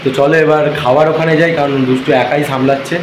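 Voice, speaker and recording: Male travel vlogger, weary and chatty, recorded in a roomy space with steady background noise. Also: a little high, quick pace. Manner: chatty, talks straight to viewers. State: tired. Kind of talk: casual travel vlog talk. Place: hotel and beach town, indoors and out.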